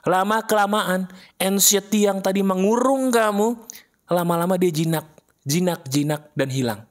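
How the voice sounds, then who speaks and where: Man giving a casual motivational talk. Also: high voice. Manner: casual, coaching tone, addresses listener directly; repeats phrases slowly for emphasis. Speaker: motivational speaker. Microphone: voice-over for an animated video.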